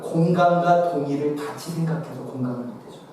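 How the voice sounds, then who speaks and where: A male pastor giving a humorous seminar lecture, lively, often questioning the audience and acting out little scenes. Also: fairly high pitch, quick pace, slight background noise. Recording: echoey hall, distant mic.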